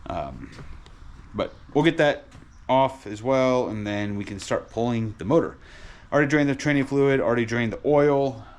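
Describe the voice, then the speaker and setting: A man giving a casual car vlog in a tired, sedated, halting way, sounding drowsy and medicated. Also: medium pitch, smooth. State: tired and drugged on muscle relaxers. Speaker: car vlogger and home mechanic.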